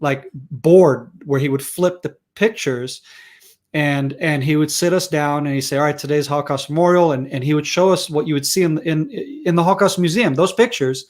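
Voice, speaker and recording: Rambling Israeli-born man, slightly high voice. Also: moderate pace. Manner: rambling, frequent restarts and fillers. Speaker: guest. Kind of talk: conversational interview.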